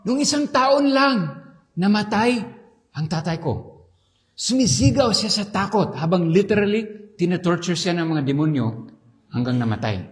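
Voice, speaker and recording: A man's voice: sits high, big pitch swings, moderate pace. Brief: male preacher, dramatic storyteller, slightly raised voice. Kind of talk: sermon storytelling.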